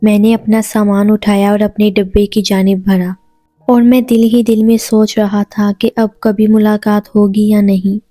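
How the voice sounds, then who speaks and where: A woman narrating a first-person romantic audio story in an even, unhurried reading voice. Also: mid-range voice, no room sound.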